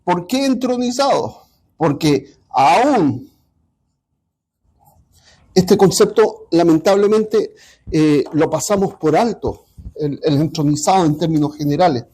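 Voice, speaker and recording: A man teaching a Bible study class, pausing often and checking in with his listeners. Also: fairly high pitch, animated, dark tone, breathy edge. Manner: halting, repeats ¿ya? to check understanding.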